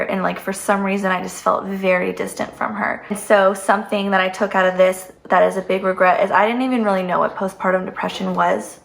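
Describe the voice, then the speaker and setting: A woman's voice: lowish voice, creaky, fairly bright tone. A young woman in her twenties telling a personal story in a sit-down vlog, heartfelt and near tears, with many "like" fillers. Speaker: vlogger. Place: home, seated.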